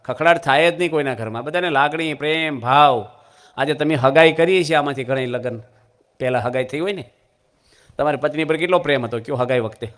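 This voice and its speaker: A man delivers a Gujarati religious discourse in a Gujarati accent. His voice sits a little high, and he moves between stories and joking remarks to the listeners. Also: a bit bright. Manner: storytelling, humorous asides to the audience. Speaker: monk preacher.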